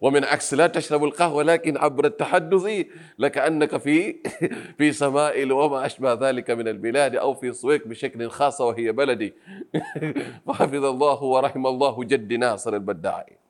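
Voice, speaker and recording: A man from Pemba, by birth, answers an interviewer's questions. He speaks earnestly and humbly in a soft voice and often restarts his phrases. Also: mid-range voice, a little fast. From Pemba, Zanzibar. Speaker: Arabic grammar teacher, interview guest. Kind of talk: interview conversation.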